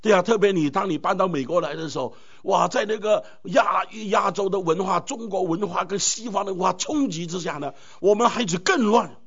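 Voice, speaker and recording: A man preaching a sermon as a pastor, animated and full of rhetorical questions to the congregation. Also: sits high, brisk, gravelly, hardly any pauses, husky. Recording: dull lo-fi recording.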